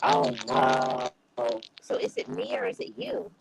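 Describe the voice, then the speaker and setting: A woman's voice: very high voice, huge pitch swings, unhurried, vocal fry, crowd noise. Give me a woman sounding muffled, as if through a wall. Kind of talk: casual video call chat. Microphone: computer mic on a video call.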